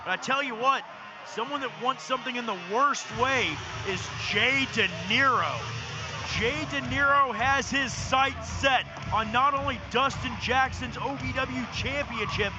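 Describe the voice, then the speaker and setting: A man calling live wrestling as play-by-play commentator in an excitable, emphatic way. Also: very high-pitched, a little slow. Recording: dull lo-fi broadcast with loud music.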